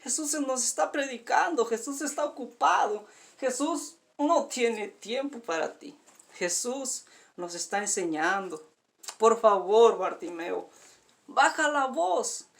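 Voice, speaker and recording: A man preacher voicing an impatient male apostle who scolds a blind beggar and pleads for silence, in a gravelly voice. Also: extremely high pitch, expressive, slow pace, fairly bright tone, heavily acted. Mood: scolding.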